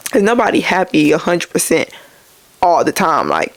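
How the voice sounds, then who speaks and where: A woman's voice: fairly low pitch, huge pitch swings, moderate pace, dry recording. A young woman hosting her own podcast, chatting casually about faith and addressing listeners as y'all. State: out of breath. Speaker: podcast host.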